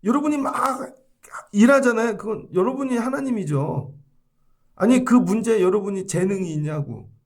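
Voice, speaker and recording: High, gravelly-voiced man preaching. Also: moderate pace. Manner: lively preaching, acts out quoted voices, jumps between loud and hushed. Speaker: pastor. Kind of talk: dawn service sermon. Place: church sanctuary.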